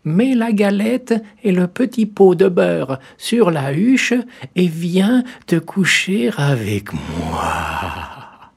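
The wolf disguised as a sweet old grandmother, played by a man reading the tale. His voice jumps into a high, put-on falsetto that drags each word out slowly and sweetly, with a husky undertone. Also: very animated, full character voice. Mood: coaxing. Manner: falsetto, drawn-out and syrupy.

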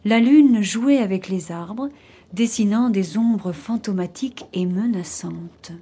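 A woman reading a children's fairy tale aloud in a gentle storybook manner. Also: mid-range voice, breathy edge. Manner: slow, gentle storybook narration.

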